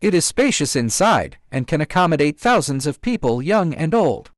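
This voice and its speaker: A bold young stone monkey, proud and joyful, crying out his words to the troop, as a male reader puts him on. The voice swings lively in pitch and sits a little high. It is recorded dry, with no room around it. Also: normal speed, no echo. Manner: exclaims in repeated short cries.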